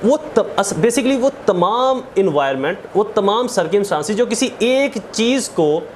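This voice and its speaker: A man with a Pakistani accent delivers a didactic law lecture, mixing Urdu with English legal terms, listing points and repeating key phrases. His voice is high with lively intonation at a measured pace, and there's a little hiss or hum.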